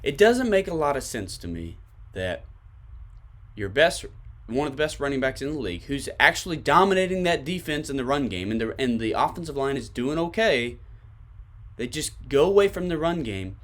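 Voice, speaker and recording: Animated man with a Tennessee accent, sports podcasting. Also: medium pitch, normal speed. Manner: emphatic, repeats points for stress. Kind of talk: sports commentary, talking to listeners.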